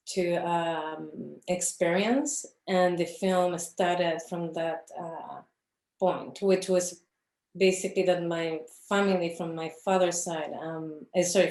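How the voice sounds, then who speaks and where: A Chilean filmmaker, a woman, is interviewed about her films in a reflective conversation, searching for words with many fillers and restarts. Her voice is on the low side with a darkish tone, and the recording is reverberant.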